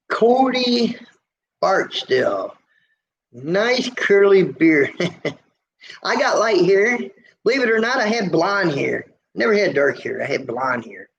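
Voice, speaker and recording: This squeaky-voiced, gravelly, middle-aged trucker from the US runs a laid-back livestream out of a motel room. He rambles folksily through viewer comments with lots of fillers and false starts, over lo-fi audio with a faint background noise.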